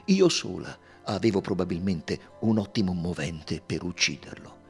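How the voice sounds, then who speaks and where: A man's voice: deep voice, normal speed, gravelly, a little mellow, soft background music, voice pushed down. A man voicing a young countess who speaks firmly and earnestly. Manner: firm, earnest pleading. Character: young countess, proud, then passionate.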